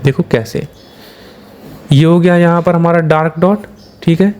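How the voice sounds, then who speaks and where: A man's voice: on the high side, unhurried, a little mellow, slight background noise. A man with an Indian accent teaching shorthand, explaining step by step and answering his own questions. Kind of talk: classroom-style lesson.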